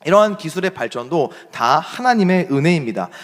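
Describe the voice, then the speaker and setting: Young male pastor, Seoul speech, animated sermon storyteller, ringing hall reverb. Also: on the high side, fairly quick. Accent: Seoul standard Korean. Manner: animated storyteller acting out shouted quotes. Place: church hall. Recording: long reverb of a church hall.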